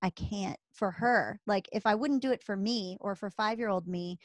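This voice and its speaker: A woman in her thirties co-hosting a faith podcast in casual chat, chatty and quick to laugh at herself. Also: medium pitch, no room sound. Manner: chatty, laughs easily, self-deprecating. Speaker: podcast co-host.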